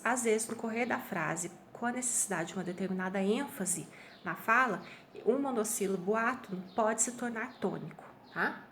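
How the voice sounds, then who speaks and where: A woman's voice: medium pitch, a little hiss or hum. A Brazilian woman teaching a Portuguese grammar review class, explaining patiently and checking in with her students often.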